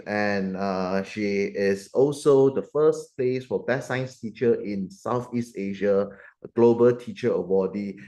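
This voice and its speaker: Low-voiced Malaysian man hosting. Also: warm tone. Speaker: host. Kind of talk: informal event introduction.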